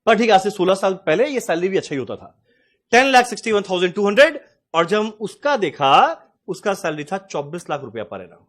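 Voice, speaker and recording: A man's voice: high-pitched, sing-song, brisk. A man in his forties teaching cost accounting in a chatty, storytelling lecture. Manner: chatty, storytelling, addresses students as "tum log". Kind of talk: lecture with a personal anecdote.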